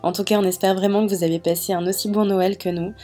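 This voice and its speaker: A woman narrates a family holiday video like a vlogger, chatty and informal, over background music. Her mid-range voice is warm and level in tone, and she speaks fast.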